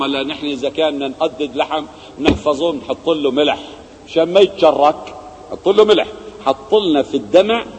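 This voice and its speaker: Man preaching in echoing hall. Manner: rhetorical questions, swings between loud emphasis and low quiet asides. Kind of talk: religious lesson. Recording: long hall reverb.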